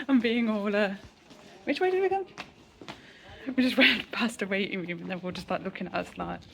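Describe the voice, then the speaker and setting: A woman's voice: medium pitch, moderate pace, gravelly, background noise. Chatty woman vlogging on a phone. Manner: chatty, laughs often. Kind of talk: casual vlog to phone camera. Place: hospital corridors, then a car. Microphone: handheld phone.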